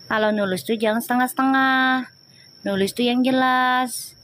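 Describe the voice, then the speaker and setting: A woman's voice: high-pitched, steady tone, moderate pace, a bit bright. Lady doing a tarot live, chatty and scolding, slangy, bit of faint noise behind. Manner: chatty, scolds commenters, switches to slangy banter. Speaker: tarot reader on a live stream. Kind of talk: live-stream tarot reading and chat replies.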